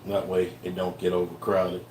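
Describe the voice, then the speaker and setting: A man's voice: sits low, monotone, moderate pace, a little mellow, reverberant, distant mic, slight background noise, rough recording. A man livestreaming himself cooking outdoors, talking in a folksy, casual way and tasting the food as he goes.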